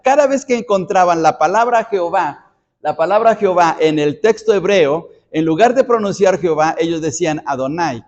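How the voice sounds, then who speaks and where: A man's voice: fairly high pitch, a little mellow, highs cut off. A male pastor from Mexico teaching a Bible study. He explains step by step, often checks in with the audience by asking "¿sí?", and sometimes repeats words while he thinks.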